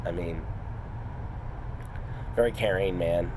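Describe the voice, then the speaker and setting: A man's voice: low-pitched, fairly even intonation, slow pace, background noise. A man speaking off the cuff in an earnest, rambling, casual vlog style. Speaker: wrestling student.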